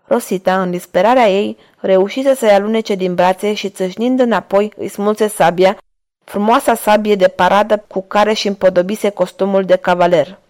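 A woman narrating a novel in a steady, measured reading voice. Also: medium pitch. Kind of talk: audiobook narration.

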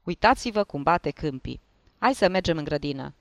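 A man playing an irritable, bossy middle-aged male investigating judge in a read-aloud story. He talks curtly and scolds, his voice slightly high, recorded dry and close. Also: lively intonation, vocal fry, no echo, lo-fi sound. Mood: scolding. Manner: curt, scolding.

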